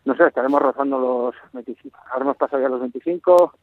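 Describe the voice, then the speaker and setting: A male correspondent calling in on a thin phone line with no bass, his voice muffled by a face mask, talking casually with many restarts. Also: fast talker, no echo. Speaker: foreign correspondent. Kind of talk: casual live call-in chat. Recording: dry, tinny phone line.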